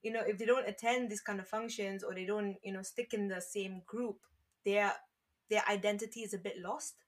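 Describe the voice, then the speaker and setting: Speaking at a normal pace with fairly even intonation, a woman from Malaysia talks in a mid-range voice as a guest on a conversational podcast. She founded an online community page, and she speaks earnestly, often restarting and saying "you know."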